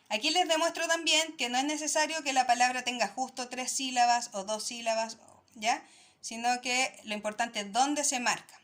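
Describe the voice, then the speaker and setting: A woman teaching a recorded lesson to young children, with a fairly high voice. She is patient and explains step by step, checking in with the class after each point. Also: a bit bright.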